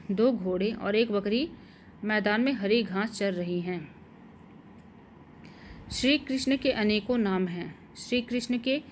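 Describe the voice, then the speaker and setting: A woman in a mid range gives a grammar lesson at a very unhurried pace. She repeats each word and sentence several times, spelling out vowel marks as if dictating to students. A faint noise sits under her voice. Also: mid-range voice. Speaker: Hindi grammar teacher. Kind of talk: slow dictation-style lesson.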